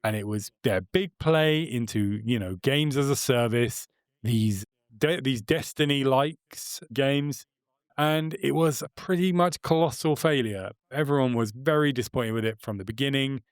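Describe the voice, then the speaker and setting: Brief: podcast host, man, chatty and joking, mid pitch, dry booth. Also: normal speed, clean tone, dry recording. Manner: chatty, self-assured, joking. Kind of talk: casual chat, news rundown.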